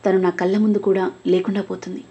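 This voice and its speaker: A woman voicing a calm, protective elder brother who speaks softly and reassuringly in an audio story. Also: medium pitch, fast talker, breathy edge, highs cut off. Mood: quiet reassuring.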